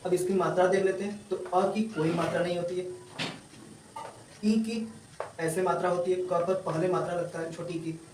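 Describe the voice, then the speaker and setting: A male tutor explaining a grammar lesson to students, slowly repeating definitions and sounding out letters one by one. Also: high-pitched, flat delivery, a little mellow. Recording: roomy, distant mic, faint ambient noise.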